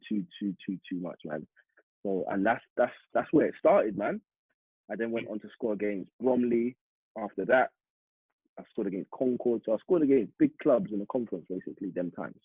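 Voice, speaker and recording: Young man, London accent, animated storyteller, husky voice, thin phone-like sound. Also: on the low side, dry recording. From East London, England. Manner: animated, vivid retelling with acted-out quotes. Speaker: interview guest, semi-pro striker. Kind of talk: casual storytelling interview. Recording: muffled phone-like audio.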